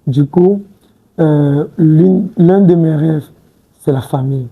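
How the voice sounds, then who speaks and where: Speaking slowly and hesitantly, a man in his twenties answers casually as a studio interview guest on a TV set, restarting words and often adding "tu vois un peu". His voice is on the high side and narrow, and the recording sounds tinny.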